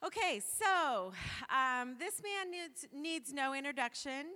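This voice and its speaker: A woman moderating a conference session, introducing the speaker with frequent fillers and pauses in a large hall. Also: high voice, lively intonation, sharp tone. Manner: hesitant, filler-heavy introduction. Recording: long hall reverb.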